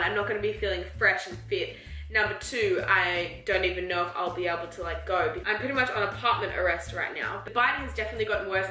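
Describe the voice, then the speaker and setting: A woman's voice: mid-range voice, sharp tone, reverberant. A young Australian woman in her twenties vlogging casually to a handheld camera at home, unwell and tired, talking with lots of "like" fillers. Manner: chatty, frequent "like" fillers, self-mocking. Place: home apartment, indoors.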